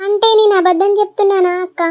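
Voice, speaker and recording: A woman's voice: very high voice, level tone, fast, darkish tone. A woman voicing an aggrieved younger sister in a cartoon, complaining and tattling in a Telangana accent. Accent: Telangana Telugu.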